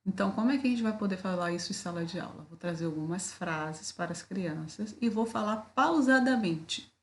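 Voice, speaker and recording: A woman teaching a recorded video lesson, speaking slowly and deliberately, with frequent fillers and rhetorical questions. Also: mid-range voice.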